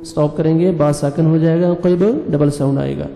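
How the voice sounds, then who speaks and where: Man teaching slow Quran recitation, echoey. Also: a little high, fairly even intonation, gravelly, mellow. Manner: spells letters and vowel marks one by one, then chants the word slowly. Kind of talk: slow spelled-out recitation lesson. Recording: echoey room with long reverb.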